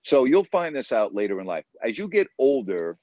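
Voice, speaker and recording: Here a mid-range male voice moves at a normal pace with big pitch swings and a mellow tone. He's a New York sports broadcaster in his fifties telling stories as an interview guest, earnestly and emphatically repeating words for stress. Dry, echo-free, dull-sounding audio.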